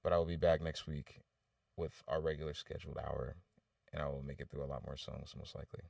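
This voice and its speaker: Deep-voiced man reviewing songs on a stream. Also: completely flat delivery, brisk, vocal fry, darkish tone, dry recording, clean studio sound, recorded from a distance. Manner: candid, loose and rambling with restarts. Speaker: livestream music reviewer. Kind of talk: casual livestream feedback.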